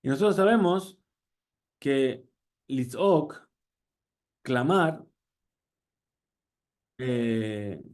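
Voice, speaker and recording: A man, a rabbi, giving a Torah class, asking questions as he goes and quoting Hebrew phrases, often pausing to restart. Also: medium pitch, very animated, darkish tone. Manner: teaching with questions and Hebrew quotes; frequent hesitations and restarts.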